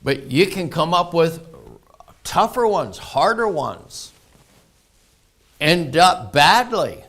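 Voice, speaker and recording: A man's voice: a little high, sing-song, takes it slowly, a bit bright. A man preaching a folksy sermon full of anecdotes. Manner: folksy, anecdotal, laughs often. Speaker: pastor.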